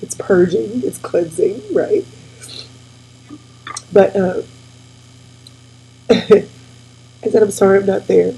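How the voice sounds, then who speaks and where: A woman in her forties speaks to her viewers in a husky, gravelly voice that stays mellow and dark in tone. She is weepy and close to tears, and she keeps turning to her audience with a friendly "y'all." A faint mains hum sits underneath. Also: mid-range voice, takes it slowly, long pauses, low-quality recording. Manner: tearful, addresses audience as y'all. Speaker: host. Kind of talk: casual heartfelt talk to viewers.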